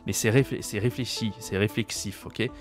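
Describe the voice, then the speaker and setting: A man with a French accent explaining French usage to learners, patiently repeating key phrases slowly. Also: on the low side, fairly even intonation, faint music behind. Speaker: French teacher.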